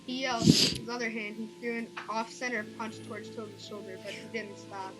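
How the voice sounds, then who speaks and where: Young woman reading a creepypasta, kinda high voice, trips over words, music playing. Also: fairly even intonation, a little fast, poor audio. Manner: reads with frequent stumbles and restarts. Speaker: creepypasta reader. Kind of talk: casual horror story reading. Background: background music.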